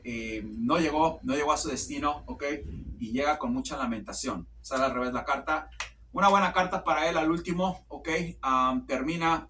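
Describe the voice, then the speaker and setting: A man giving a casual tarot reading to camera. He speaks haltingly, repeats words while searching for the next one, and tacks "ok" onto nearly every phrase. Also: mid-range voice, pushed and bright, far from the mic, a little hiss or hum. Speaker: tarot reader.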